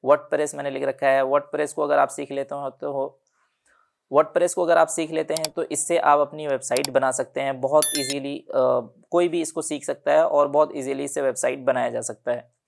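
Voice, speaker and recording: A man explaining a casual online tutorial, unhurried, often pausing with "uh" and correcting himself as he reads from his notes. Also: fairly high pitch, fairly even intonation, gravelly. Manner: unhurried, many "uh" fillers and self-corrections while reading from notes. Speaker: online digital marketing instructor.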